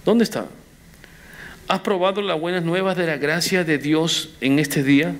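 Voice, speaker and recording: Earnest preacher man, slightly high voice. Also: fairly even intonation, unhurried. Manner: questions the congregation directly, rising and dropping in earnest emphasis. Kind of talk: Spanish-language sermon. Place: church.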